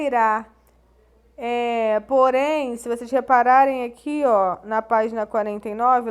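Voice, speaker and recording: Woman teacher, high voice, patient, step-by-step grammar lesson. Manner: patient, explains step by step to students.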